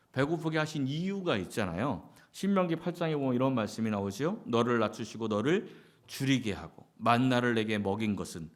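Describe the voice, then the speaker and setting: Male pastor in a Sunday sermon, middle pitch, animated intonation, question-and-answer preaching style. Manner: asks the congregation many questions and answers them himself; lively, rising and falling delivery with short acted-out quotes.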